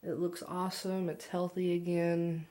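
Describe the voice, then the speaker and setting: A woman's voice: fairly low pitch, little pitch movement, measured pace, warm tone. A woman in her twenties chatting casually to viewers in a rambling, self-deprecating, offhand way. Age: 20s. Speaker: vlogger.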